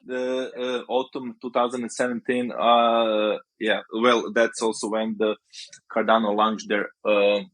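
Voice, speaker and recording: A man's voice: fairly low pitch, flat delivery, a little slow, fairly bright tone, rough recording. A man from Croatia, a startup founder talking as a guest on a podcast, loose and storytelling with many "uh"s and "you know"s. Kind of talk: casual podcast interview.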